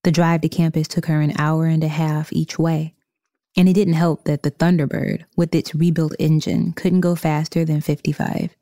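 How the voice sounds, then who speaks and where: A woman reading a scripted story narration in a measured storytelling manner. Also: low voice, flat delivery, mellow, dry recording, clean studio sound.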